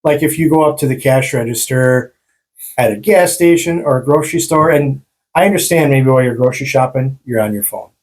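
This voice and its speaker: A man's voice: medium pitch, fairly quick, a little mellow, rough recording. A man from rural Wisconsin, co-hosting a casual podcast chat, ranting heatedly and swearing freely. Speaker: podcast co-host.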